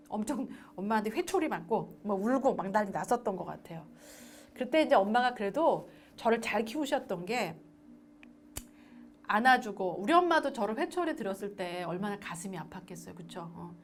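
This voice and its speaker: A woman's voice: mid-range voice, moderate pace, slight background noise. A woman lecturing on adoption and parenting, asking the audience questions and acting out parent-child talk. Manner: lively, acts out parent-child dialogue; asks the audience questions and answers them.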